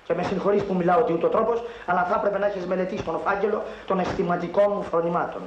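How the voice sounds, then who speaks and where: A man's voice: high-pitched, steady tone, slight background noise, close to an everyday voice. An actor playing a broke, wisecracking young man who dreams of getting rich, talking in glib jokes. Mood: cheeky. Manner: joking, glib, mock-Italian banter. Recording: dull, roomy 1960s film sound.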